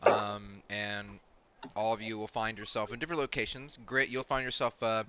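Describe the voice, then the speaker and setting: A man acting as game master on a tabletop game stream. He talks in a relaxed, chatty way. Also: lowish voice, moderate pace, very noisy.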